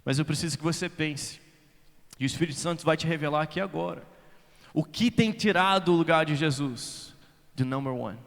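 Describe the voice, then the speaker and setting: Youth pastor, Brazilian accent, preaching live in a big hall with a long echo, shifts from soft stories to shouted calls. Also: male voice, on the high side, brisk, gravelly. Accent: Brazilian Portuguese. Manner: builds from quiet storytelling to shouted appeals; mixes English phrases into his preaching. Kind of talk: conference sermon. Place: large conference hall. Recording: reverberant hall.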